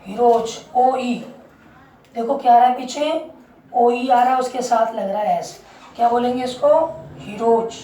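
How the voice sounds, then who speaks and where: A woman's voice: a little high, steady tone, moderate pace, long pauses, warm tone, distant mic. A woman teaching English pronunciation in a classroom-style lesson, repeating each point and quizzing her listeners with questions. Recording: echoey room, voice from off mic, faint background noise.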